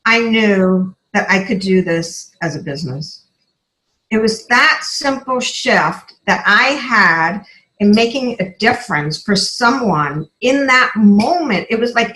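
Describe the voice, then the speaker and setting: A former health coach who now sells essential oils tells her personal story earnestly and emotionally, acting out what others said to her. Her voice is on the high side and sharp, recorded poorly in an echoey room.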